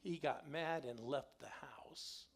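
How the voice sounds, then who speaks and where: A man's voice: mid-range voice, slow, gravelly, husky. A middle-aged man, a guest pastor, tells stories in a sermon and calls on the congregation to answer back. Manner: animated, calls on the congregation to respond. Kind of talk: storytelling sermon. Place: church sanctuary.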